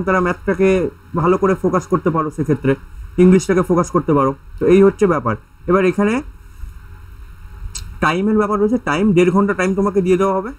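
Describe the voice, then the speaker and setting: Fast, high-voiced man teaching exam prep. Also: poor audio. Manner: chatty, repeats points, checks in with listeners. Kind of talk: casual exam-prep lesson over slides.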